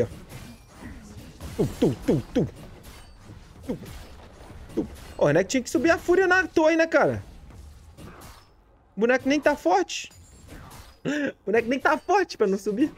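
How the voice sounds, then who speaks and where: Hyped Brazilian gaming streamer, wildly swooping voice. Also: male voice, extremely high pitch. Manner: hyped, jokey, shouts and repeats callouts. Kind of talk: excited gameplay commentary.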